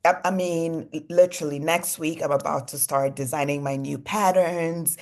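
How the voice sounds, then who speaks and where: A low-pitched young woman from Congo chats easily as a guest in an interview. She speaks in loose, relaxed sentences, leaning on "you know" and "like" as she explains her work. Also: normal speed. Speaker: fashion designer guest. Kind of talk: casual interview chat.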